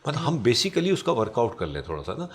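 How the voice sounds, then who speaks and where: A man's voice: medium pitch, wildly swooping pitch. Pakistani male talk show host. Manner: conversational, mixes English phrases, advises viewers earnestly. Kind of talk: TV health talk show interview. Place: TV studio.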